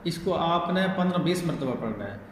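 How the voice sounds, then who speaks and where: A man's voice: on the high side, expressive. A man teaching young children to read Quranic letters, patiently checking in and drawing out each letter sound in a chanted recitation. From Pakistan. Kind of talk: recorded lesson for young children. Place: echoey school room. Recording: echoey room with long reverb, faint hiss.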